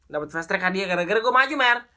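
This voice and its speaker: A young man tells animated stories in casual podcast chat. His voice is bright and forward. His talk is slangy and full of swearing. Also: sits high, quick pace. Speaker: podcast co-host.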